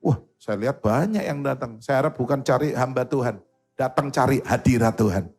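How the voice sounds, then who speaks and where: A man with an East Javanese accent preaching a sermon, an animated and joking storyteller who slips into Javanese words. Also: mid-range voice, a little fast, creaky, breathy edge, soft background music. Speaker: pastor. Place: church service in a mall event hall.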